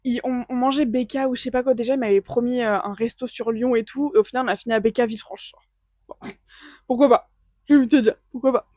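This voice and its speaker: A woman's voice: fairly high pitch, fast, no echo, studio quality. A young woman co-hosting a podcast, telling her own anecdotes in casual chat and quoting people as she goes. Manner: expressive storyteller, quotes people in her stories. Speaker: podcast co-host.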